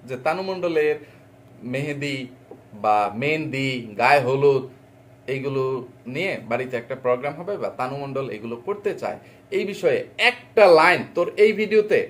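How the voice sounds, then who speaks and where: Man ranting with insults. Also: a little high. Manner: insulting, scolding, mocking. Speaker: reaction vlogger. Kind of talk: angry rant.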